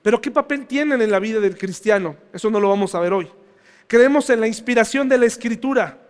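Male pastor with a high voice and a conversational sermon manner, recorded in a reverberant church. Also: brisk. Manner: conversational, asks the congregation questions.

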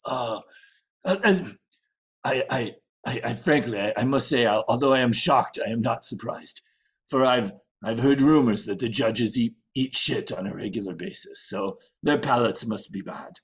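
A man's voice: medium pitch, normal speed, breathy edge. A man playing a pompous, stammering French baker in an improvised comedy sketch. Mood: blustering. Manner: blustering, stammering, self-important. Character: pompous male French baker, put-on accent.

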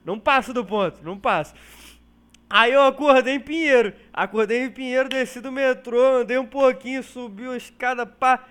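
Animated Rio-accented man telling a story. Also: very high voice, normal speed, clear, resonant tone. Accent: Rio de Janeiro Portuguese. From Rio de Janeiro, Brazil. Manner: animated, slangy, laughs through his story. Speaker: podcast co-host. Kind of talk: casual storytelling among friends.

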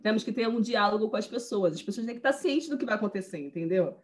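A woman telling a personal story in casual chat, animated and slangy, laughing as she talks. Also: medium pitch, fast.

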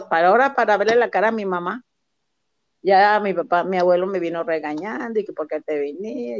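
A woman's voice: lowish voice, dry recording, dull audio. A woman with a northern Mexican accent casually telling stories from her own life in a colloquial, rambling way, acting out remembered dialogue. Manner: animated retelling, acts out remembered dialogue. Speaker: storyteller recalling own childhood. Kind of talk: casual oral life-story narration.

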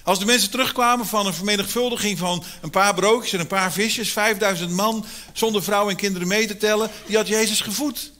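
A man preaches a Sunday sermon in a church, retelling a Bible story with lively storytelling energy. His voice sits high and sounds bright and sharp. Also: fairly quick.

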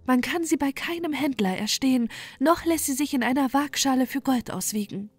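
A woman's voice: high voice, fairly quick, slightly rough, soft background music, pitched above the performer's own voice. A woman voicing a tender, devoted little nightingale in a bedtime storybook, earnest and wondering. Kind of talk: storybook reading.

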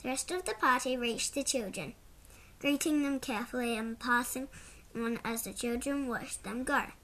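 A woman narrating a children's storybook in a measured, clear way. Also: on the high side, fairly bright tone.

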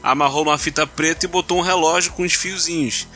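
A man's voice: a little high, fairly even intonation, quick pace, bright, forceful tone, soft background music. A man co-hosting a casual podcast, telling anecdotes and laughing through them. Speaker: podcast co-host. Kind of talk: casual chat.

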